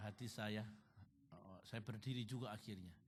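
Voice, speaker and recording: A middle-aged male pastor preaching a sermon at a church service, telling humorous stories and loudly mimicking a song leader. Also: lowish voice, normal speed, noisy background.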